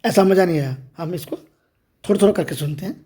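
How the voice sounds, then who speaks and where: A woman's voice: lowish voice, fast talker, dark tone, husky. A woman hosting a step-by-step tutorial, explaining things directly to listeners. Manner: explanatory, addresses viewers directly. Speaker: tutorial host. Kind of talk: step-by-step screen reader tutorial.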